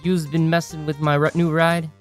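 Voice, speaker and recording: A woman doing a gruff threatening biker. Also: low voice, little pitch movement, normal speed, faint music behind, close to an everyday voice. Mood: menacing. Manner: threatening, slangy street talk. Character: gruff tough-talking biker, a grown man. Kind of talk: amateur video game fan dub.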